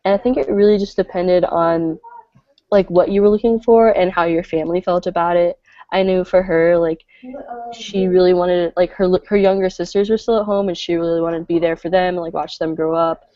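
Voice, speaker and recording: A woman's voice: on the low side, fairly even intonation, brisk, warm tone, no echo. A young woman from the American South, a college student on a panel, chatting casually with lots of "like". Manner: chatty, heavy use of "like". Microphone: video call. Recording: dry lo-fi video call audio.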